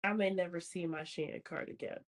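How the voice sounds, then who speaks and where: A woman's voice: lowish voice, a little fast. A young woman co-hosting a podcast in casual chat, teasing in a dry, matter-of-fact way. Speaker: podcast co-host.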